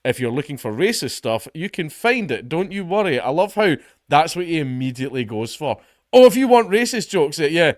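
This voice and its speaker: Mocking those he quotes, a Scottish man picks apart an article online, swearing freely and dripping with sarcasm in a relaxed style. His pitch swings widely and he speaks fairly quickly, reading the article's lines more quietly and in a lower register. The sound is dry and studio quality.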